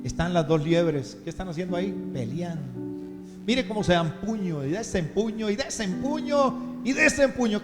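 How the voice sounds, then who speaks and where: A male pastor preaching a sermon, repeating emotional questions over and over. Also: very high-pitched. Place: church hall. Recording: long church reverb with music behind.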